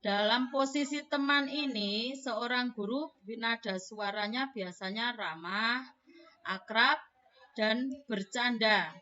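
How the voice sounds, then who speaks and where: A woman teacher narrates a prepared lesson at a slow, unhurried pace. Her voice sits a little high. The recording sounds dull and lo-fi. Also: pushed and bright. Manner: measured, addresses listeners formally.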